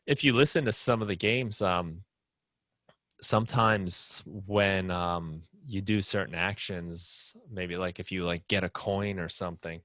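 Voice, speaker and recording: Low-voiced man hosting a music class. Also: measured pace, no echo. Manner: relaxed, rambling explanations with many fillers. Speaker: music production class host. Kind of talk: casual live class talk.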